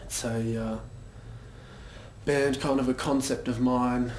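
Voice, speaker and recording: A man's voice: mid-range voice, little pitch movement, slow pace, darkish tone, lightly acted. A young man playing a vain, pompous band frontman in a mockumentary interview, hesitant and full of fillers. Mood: smug. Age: young adult. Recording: echoey room with faint noise.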